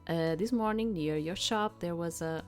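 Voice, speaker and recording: A woman's voice: lowish voice, moderate pace, soft background music, natural voice. A woman, not a native English speaker, reading the lines of a worried young noble lady from a game. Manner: plain, hesitant reading.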